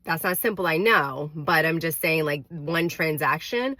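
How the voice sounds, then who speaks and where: A woman's voice: low-pitched, lively intonation, a little slow, sharp tone, no room sound. A woman with a congested voice, under the weather, giving earnest, careful dating advice straight to her viewers with many fillers. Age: adult with a daughter. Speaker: vlogger. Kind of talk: casual advice to camera.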